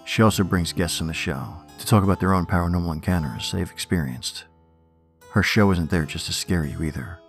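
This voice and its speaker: A man hosting a horror podcast, reading scripted stories and poems in a measured, theatrical manner. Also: low voice, faint music behind.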